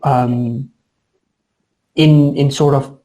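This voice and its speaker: A woman's voice: a bass voice, fairly even intonation, drawn-out words, warm tone. A woman from South Africa with a South African accent, tutoring English in a chatty, upbeat way over a video call, often saying "alrighty". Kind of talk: online lesson chat.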